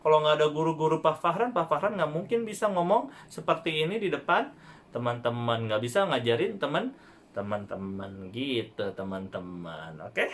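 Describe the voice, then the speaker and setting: A young man, a primary school religion teacher, giving a gentle online lesson to young children with frequent questions to the class. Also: on the high side, lively intonation, moderate pace. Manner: gentle, patient, addressing kids directly with frequent rhetorical questions.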